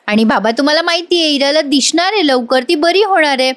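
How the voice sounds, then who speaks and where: A woman's voice: sits high, brisk, pitched above the performer's own voice, close to an everyday voice. A woman voicing a cheerful, determined young heroine who reassures and teases others in a retold serial. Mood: reassuring. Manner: reassuring, teasing.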